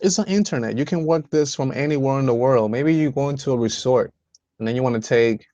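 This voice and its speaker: A man from the Dominican Republic hosts a motivational video call, rambling along with lots of fillers and restarts. His mid-range voice is warm and a little fast, and the dry recording sounds dull.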